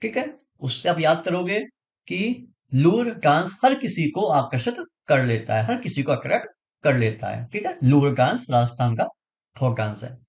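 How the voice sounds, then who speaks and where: A man teaches exam vocabulary, drilling memory tricks and checking in with his students again and again. His voice sits high and swings widely in pitch, giving the lesson a lively, animated lilt. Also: normal speed, highs cut off. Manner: explains with repeated memory tricks, frequent checking questions.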